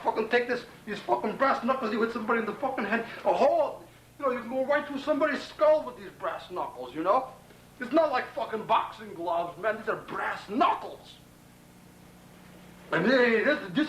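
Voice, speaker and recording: A home video maker from Brooklyn, New York, with a matching accent, addresses a pen pal in a rambling, profane camcorder message from his apartment bedroom, the camera on a tripod. He boasts, makes threats, stutters as he restarts, and uses "man" constantly, his voice very high-pitched and fairly bright. The 1990 tape is distant and roomy, with hiss.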